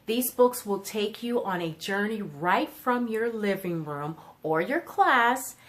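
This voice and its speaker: Her mid-range voice a bit bright, a woman reviews books during a children's storytime, explaining them and posing simple questions to the young listeners.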